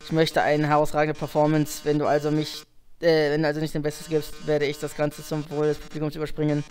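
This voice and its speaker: A man's voice: a little high, completely flat delivery, brisk, darkish tone, faint music behind, pitched below the performer's own voice, lightly acted. A man voicing a flamboyant male robot TV star who talks in gushing, dramatic stage lines. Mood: theatrical. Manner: theatrical, gushing stage delivery.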